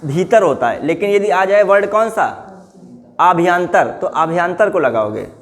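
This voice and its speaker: High-voiced man slowly drilling a lesson. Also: expressive. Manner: drilling words, repeating answers, asking the class questions. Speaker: teacher. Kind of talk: classroom grammar lesson.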